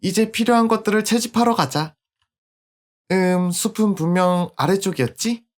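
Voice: mid-range voice, moderate pace, voice pushed up, lightly acted. A streamer voicing a polite, wary little girl in a storybook-style video game.

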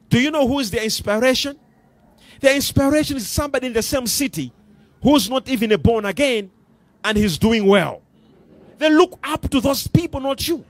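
A man's voice: very high-pitched, a bit bright, dry recording. A middle-aged man with a Malawian accent preaching a sermon on a church stage into a handheld mic, emphatic and repeating his phrases. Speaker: pastor.

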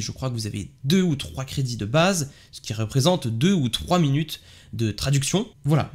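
A man hosting a software tutorial, explaining eagerly and step by step. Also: on the high side. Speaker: tech video host. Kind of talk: screen-share software tutorial.

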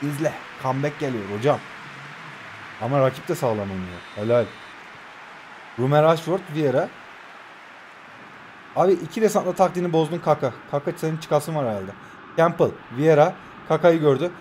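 A Turkish man in his twenties gives live commentary on his own mobile football match, excitedly shouting player names and chatting to viewers, though keeping his voice down at night in his new home. His voice is on the high side, at a moderate pace with long pauses, and there is a little hiss or hum.

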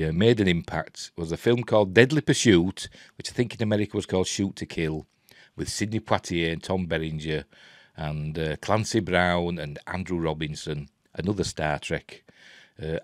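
This Yorkshire-accented man in his sixties has a deep voice, captured in studio quality with no room sound. Hosting his film and TV news vlog from a cluttered little room at home, he offers casual, hesitant, meandering news commentary.

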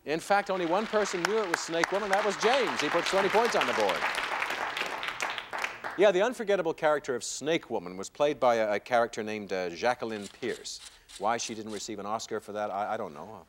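A man in his thirties hosts a television game show. His medium-pitched voice swings widely up and down, and his manner is wry and conversational, with ad-libbed asides. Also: expressive, brisk, a crowd in the background, noisy background. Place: television studio. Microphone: lapel mic.

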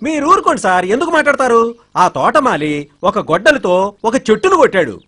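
An actor playing a humble gardener who tells a child an earnest folk tale in a comedic film scene. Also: male voice, high-pitched, very animated, fairly quick, fairly bright tone, full character voice. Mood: earnest telling. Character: meek, earnest village gardener storyteller. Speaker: gardener telling a story.

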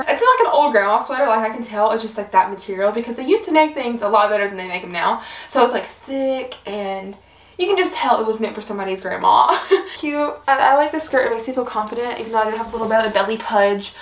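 Young girl vlogging outfits, bit high voice, giggly, lots of likes and um, kinda out of breath. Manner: bubbly, giggly, lots of fillers like "like" and "I don't know". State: a little out of breath. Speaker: fashion vlogger. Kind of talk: casual chatty try-on vlog.

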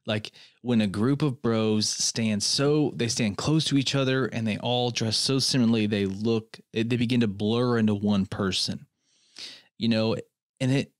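A man's voice: medium pitch, no echo, clean studio sound. A young man hosting a comedy podcast, rambling in a mock-earnest way and often restarting his sentences. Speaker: podcast host. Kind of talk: comedic solo podcast monologue.

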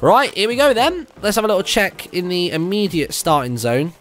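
This young British streamer has a high, fairly bright voice with big pitch swings and talks at a normal speed. He offers casual, chatty commentary to viewers, thinking aloud as he plays. His close stand microphone sits in a home streaming room, with video game music in the background.

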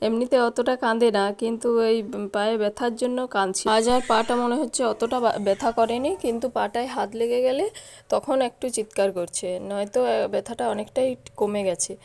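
A young woman, a mother narrating a casual home vlog and coaxing her baby in a loud sing-song. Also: on the high side. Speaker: vlogger mother. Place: home bedroom. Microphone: phone camera. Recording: home video with clear background noise.

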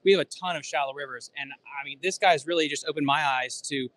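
Male host in his thirties, rapid speech, slightly high voice, upbeat, convention floor, phone mic. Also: fairly bright tone. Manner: upbeat, rapid, curious interviewer. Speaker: podcast host. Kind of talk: casual trade-show interview. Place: busy indoor convention hall. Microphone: handheld phone.

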